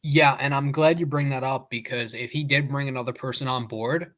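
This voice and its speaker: Fast-talking man on a podcast, full of "like". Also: mid-range voice, steady tone, fairly bright tone. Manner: talkative, emphatic, many "like" fillers. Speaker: podcast co-host. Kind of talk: casual chat.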